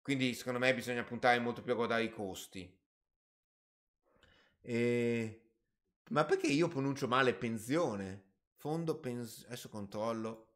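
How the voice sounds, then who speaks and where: A man's voice: mid-range voice, measured pace, long pauses, fairly bright tone. A man hosting a casual live stream about personal finance, reading viewer questions aloud and answering off the cuff with hedges and asides. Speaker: finance channel host.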